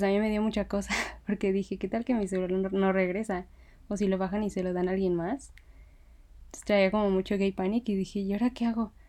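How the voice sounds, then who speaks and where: Mellow-voiced young Mexican woman. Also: medium pitch. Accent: Mexican Spanish. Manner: excited, laughs often, many fillers. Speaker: fan telling a story. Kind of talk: casual storytelling.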